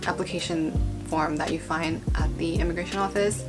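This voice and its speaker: This time the young woman's voice is deep and steady, and she talks briskly. She keeps to a chatty, rambling, informal explainer style for her informational vlog, with guitar music behind her.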